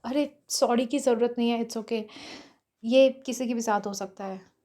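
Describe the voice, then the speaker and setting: A woman narrator voicing a calm, polite young man who quietly schemes, speaking in an even, offhand way. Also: on the high side, measured pace. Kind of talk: audio story character voice.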